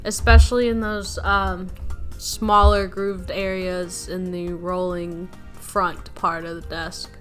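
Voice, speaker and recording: A woman's voice: on the low side, slow, faint music behind. A woman hosting a furniture flipping vlog, chatting casually and rambling with fillers while she cleans and works. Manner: relaxed, rambling, self-deprecating, with fillers. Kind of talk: casual chat while working.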